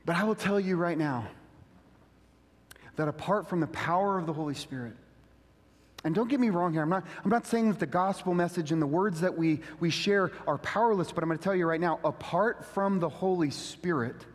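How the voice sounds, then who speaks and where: Male pastor, conversational sermon, high voice, acts out quotes, long hall reverb. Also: moderate pace.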